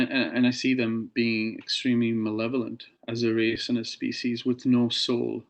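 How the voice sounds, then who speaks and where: Flat-voiced man telling his story. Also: medium pitch. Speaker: interview guest. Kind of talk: recounting a personal experience.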